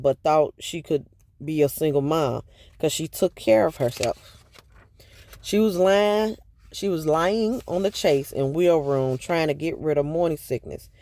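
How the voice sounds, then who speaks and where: A man's voice: a little high, a little mellow. A man casually retelling a book chapter for his viewers, in a loose, chatty way with asides to the audience. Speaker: book review vlogger.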